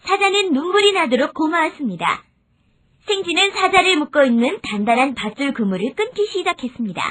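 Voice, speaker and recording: A woman narrating children's fables in a lively, expressive storyteller manner. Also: high voice, fairly quick.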